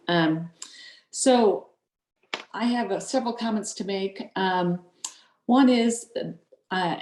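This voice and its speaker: A woman on a video call giving a measured, prepared public comment, pausing often with ums. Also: lowish voice, darkish tone, echoey room. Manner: measured, lots of ums between points. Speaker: public commenter, board director of a rental association.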